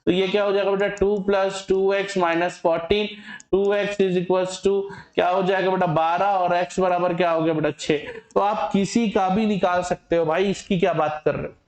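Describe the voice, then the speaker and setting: A male chemistry teacher giving a lively lecture to a class, who asks questions, answers them himself and teases his students. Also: high-pitched, normal speed, roomy sound.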